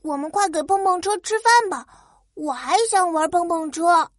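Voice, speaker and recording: Stubborn little storybook kid, very high and whiny, done by a woman. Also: normal speed, dry recording, studio quality. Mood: curious. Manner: whiny, bouncy. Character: playful stubborn little child. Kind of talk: children's storybook narration.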